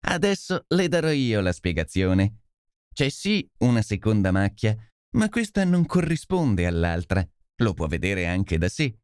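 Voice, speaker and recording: A man's voice: on the low side, very animated, measured pace, a little mellow, clean tone, no echo, studio quality. A man voicing a smug, boastful police inspector who talks down to the famous detective. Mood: smug, condescending. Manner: self-satisfied, condescending.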